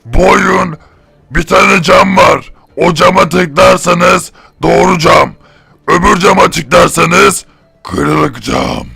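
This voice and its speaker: A man's voice: high voice, gravelly, pushed and bright, breathy edge, full character voice. A man voicing a stern male announcer who coldly lays out the rules of a deadly game. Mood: instructing. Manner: slow, commanding, curt orders. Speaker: game host figure.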